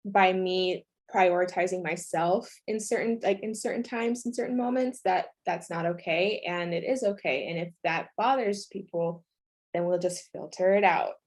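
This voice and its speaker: A woman's voice: fairly low pitch, normal speed. Earnest woman podcast co-host. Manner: earnest, laughs often. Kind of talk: casual chat.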